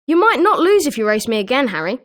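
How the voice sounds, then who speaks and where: For a video game, a woman voices an eager British schoolboy wizard, pitched high and sounding very animated and fast. Her delivery is chirpy and emphatic, with wide melodic swings, an encouraging mood, and a friendly competitive edge. These are scripted character lines.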